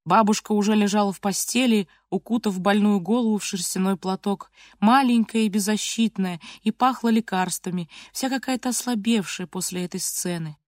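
A woman reading an audiobook aloud, expressive and lively. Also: medium pitch, moderate pace, hardly any pauses, dry recording, clean studio sound. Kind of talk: audiobook narration.

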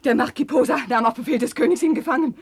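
An actress playing a distraught, guilt-stricken young princess in a theatrical, declamatory 1950s German radio drama style. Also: female voice, high-pitched, fast, breathy edge, dry recording. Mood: frantic. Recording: dry 1950s radio studio recording.

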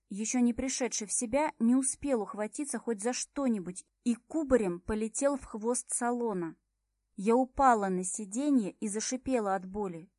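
A woman's voice: fairly high pitch, dry recording, clean studio sound. A woman reading a tense first-person story aloud, acting out the characters' cries and hisses. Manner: acts out characters' lines with shouts and hisses. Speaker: audiobook narrator. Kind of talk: dramatic first-person book narration.

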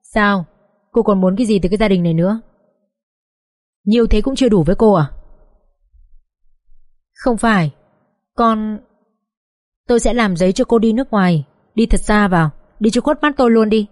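A woman's voice: medium pitch, moderate pace, long pauses, darkish tone, dry recording, clean studio sound, natural voice. A woman voicing an older mother-in-law in an audiobook, betrayed and grieving, reproaching through choked tears. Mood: bitter. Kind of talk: audiobook character voice.

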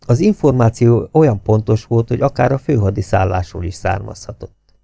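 A male audiobook narrator reads a novel in a steady, expressive way. His voice is low and dark, with a gravelly fry running through it. The recording is dry and close. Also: no echo.

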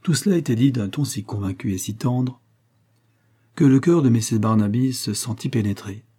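A man narrating an audiobook in a measured storytelling manner. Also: medium pitch, dark tone, husky.

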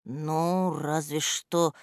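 A woman voicing a clever, know-it-all schoolboy in a storybook reading, calmly explaining. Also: sits low, extremely slow, no room sound, clean studio sound, exaggerated voice. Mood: thoughtful. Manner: calm, explaining.

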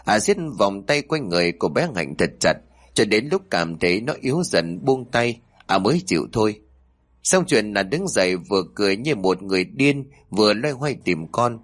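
A man narrating a horror story in a dramatic, expressive voice. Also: fairly low pitch, normal speed.

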